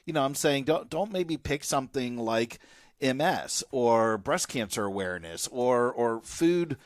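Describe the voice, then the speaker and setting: A man's voice: medium pitch, lively intonation, unhurried, no echo, clean studio sound. A man co-hosting a podcast, talking in a casual, conversational way with frequent restarts and asides. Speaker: podcast co-host.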